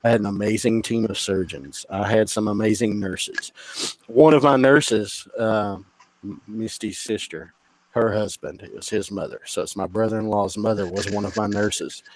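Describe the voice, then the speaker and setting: Low-voiced man telling his story bluntly. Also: normal speed, no echo. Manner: blunt, profane, earnest storytelling. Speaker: podcast guest. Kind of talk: casual storytelling interview.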